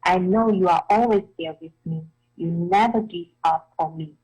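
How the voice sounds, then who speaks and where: A woman's voice: on the low side, moderate pace, warm tone, breathy edge, rough recording. A woman reciting a grateful devotional testimonial in list-like phrasing.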